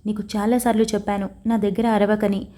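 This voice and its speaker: A woman's voice: medium pitch, flat delivery, brisk, dark tone, natural voice. A woman reading the lines of a stern, blunt young husband in an audio story, demanding answers directly.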